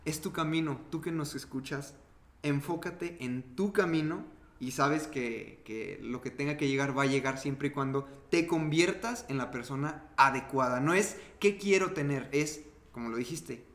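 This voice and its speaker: Give me an animated Mexican man with a fairly high voice, recorded in an echoey room. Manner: animated, acts out other people's reactions. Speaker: podcast co-host. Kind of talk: casual podcast chat.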